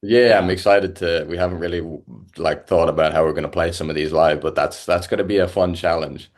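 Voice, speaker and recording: The young man from Ireland speaks in a low voice with fairly even intonation. He's a musician being interviewed, and his casual talk stumbles along with frequent fillers and restarts.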